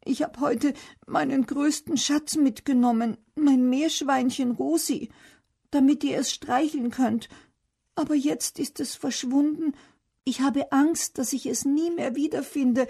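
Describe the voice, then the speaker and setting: A woman's voice: steady tone, unhurried, vocal fry, mellow. A woman voicing a frightened little girl who is close to tears, in a children's storybook reading. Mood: tearful, frightened. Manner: high, tearful pleading.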